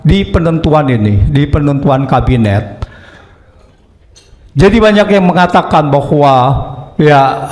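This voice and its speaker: A man with a notably high voice gives political commentary. He explains points carefully, one step at a time, and often pauses on small fillers. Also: a little mellow. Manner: measured explanation with frequent fillers like "eh" and "gitu". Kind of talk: analytical commentary.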